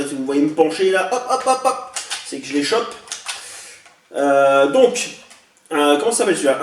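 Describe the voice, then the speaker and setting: A man casually showing off a haul of toy blasters, chatty and hesitant, often pausing and correcting himself. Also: on the high side, far from the mic, a little hiss or hum. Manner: chatty, hesitant, many fillers and self-corrections. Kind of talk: casual unboxing vlog. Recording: echoey room, voice off-mic.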